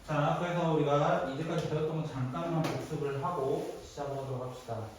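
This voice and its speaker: A man's voice: a little high, steady tone, brisk. A man teaching a math class, reviewing step by step and answering his own questions. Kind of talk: classroom lecture. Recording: echoey classroom from far off, faint noise.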